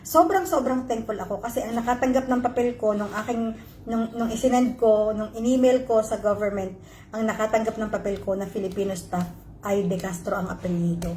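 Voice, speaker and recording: A woman's voice: medium pitch, a little fast, a little mellow, a little hiss or hum. A woman vlogger telling her viewers an emotional personal story, switching between Tagalog and English. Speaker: vlogger host. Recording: roomy echo.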